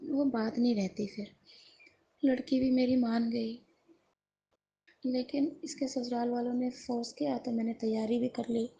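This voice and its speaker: Distressed middle-aged woman, high soft voice. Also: creaky, slight background noise, low-quality recording. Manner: earnest, distressed, retelling phone calls. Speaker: devotee sharing a personal story. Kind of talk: emotional personal account to a congregation.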